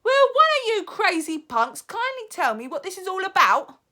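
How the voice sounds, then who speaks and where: A woman voicing a rude, greedy young boy from a storybook, shouting loud demands. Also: very high voice, wildly swooping pitch, normal speed, voice pushed up, heavily acted. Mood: demanding.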